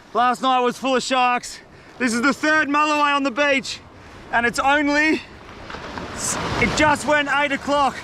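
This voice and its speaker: A man with an Australian accent, exuberant and slangy, talking casually and excitedly as he films a fishing vlog on a beach. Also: very high voice. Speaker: fishing vlogger. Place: outdoors on a beach at night. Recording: noisy outdoor mic, wind and water.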